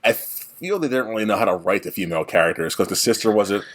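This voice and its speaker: A man with a deep voice recaps a movie on a podcast in a loose, rambling way. He drops into quick, playful impressions of the characters as he goes. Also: a bit bright. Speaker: podcast co-host.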